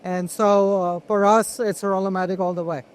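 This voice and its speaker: A man being interviewed as a manufacturer, explaining products conversationally in a halting way, with repeated words. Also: high-pitched, level tone. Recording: clear ambient noise on location.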